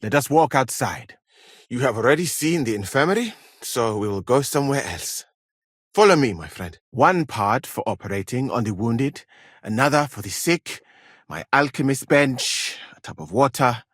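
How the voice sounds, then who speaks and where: An actor playing a learned, courteous physician from Mali in a video game, a husky voice and measured, formal phrasing. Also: male voice, medium pitch, animated, a bit bright, no echo, studio quality. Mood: calm, practical. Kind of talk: video game character dialogue.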